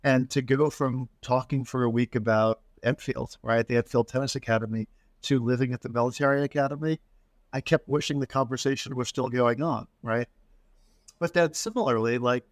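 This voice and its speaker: Author guest in his own voice: a man of middle pitch who rambles, restarts, and jokes at his own expense, recorded dry. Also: dry recording. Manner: rambling, self-deprecating, restarts often. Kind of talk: casual interview chat.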